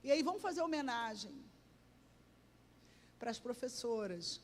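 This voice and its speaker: A Brazilian woman pastor with a Rio de Janeiro accent, preaching a sermon full of lively personal stories, acting out dialogue and breaking into song. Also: on the high side, unhurried. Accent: Rio de Janeiro Portuguese. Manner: animated storytelling, acts out dialogue, sings bits. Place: church hall. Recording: church hall reverb.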